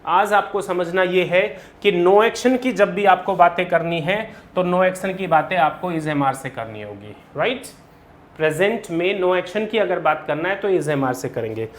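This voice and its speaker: A man teaching spoken in a classroom-style lesson, explaining grammar in Hindi and checking in often with "right?" and "okay?" while saying examples slowly. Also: high voice, animated. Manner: drills students with repeated "right?" and "okay?" checks and slow English examples.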